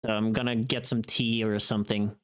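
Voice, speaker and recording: Sitting close to the microphone, a livestreamer rambles in an informal, mildly sweary way, his voice tired from a long recording. It's mid-range, fairly quick and smooth, with little pitch movement.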